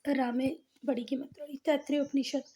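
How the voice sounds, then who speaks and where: A woman's voice: high voice, little pitch movement, moderate pace, mellow. A woman teacher giving a lesson in a casual, repetitive style, calling her pupils "beta" and making them say each term again. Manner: talks to pupils as "beta" and "bhaiya", repeats and drills words. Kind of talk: classroom lesson with board writing.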